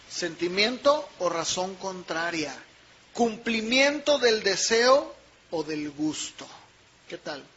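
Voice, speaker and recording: A man's voice: sits high, a bit bright, husky, highs cut off. A man preaching a sermon, emphatic and full of rhetorical questions to the congregation. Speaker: pastor.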